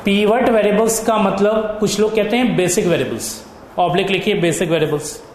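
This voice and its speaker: A man's voice: high voice, brisk. A male economics tutor, dictating notes in a lecture and checking with his students. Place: classroom. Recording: echoey classroom with faint noise.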